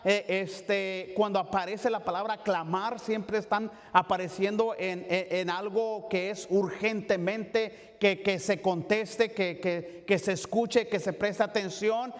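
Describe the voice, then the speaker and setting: Pastor guy, kinda high voice, halting bible study talk full of fillers, echoey church. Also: fairly even intonation. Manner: halting, with frequent fillers and restarts, asking "¿verdad?". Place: church sanctuary. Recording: long church reverb.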